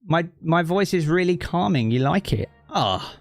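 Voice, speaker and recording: This game streamer, a man from southeast England with a local accent, talks easygoingly to his live-stream audience from his living room, reading chat aloud and thinking aloud with lots of fillers. His slightly high, expressive, gravelly voice moves a little slowly. The streaming mic with effects gives studio quality with no echo, and faint music plays behind.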